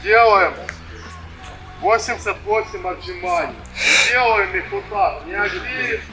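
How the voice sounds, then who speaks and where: A man with a high-pitched voice shouts workout orders in the manner of a drill sergeant. His commands are barked and military in style, and music plays prominently behind him. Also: unhurried, low-quality recording. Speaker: fitness drill instructor.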